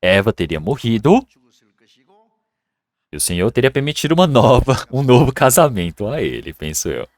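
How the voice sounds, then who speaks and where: Lively male preacher, mid-pitched, telling the story with acted-out voices. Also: moderate pace, pauses often, no room sound. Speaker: pastor. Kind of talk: sermon. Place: church.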